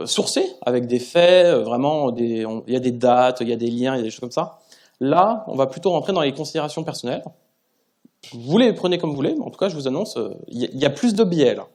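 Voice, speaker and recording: Male conference speaker, mid-pitched, relaxed chatty delivery with self-deprecating asides. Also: fairly quick. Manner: conversational and self-deprecating, with frequent restarts. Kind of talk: conference talk to a live audience. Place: conference room.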